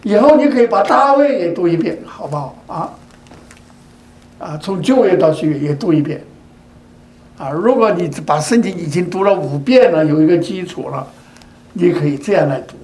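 A man's voice: sits high, animated, normal speed, darkish tone, slight background noise. An older man giving a sermon, speaking in repeated phrases and asking rhetorical questions such as whether the listeners agree. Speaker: preacher. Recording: echoey room.

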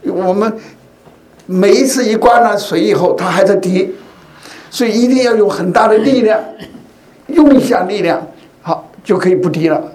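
A man's voice: high-pitched, moderate pace, darkish tone. A man giving a sermon in a conversational way, telling a personal story and often asking his listeners rhetorical questions. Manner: tells personal stories to make a point. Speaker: preacher.

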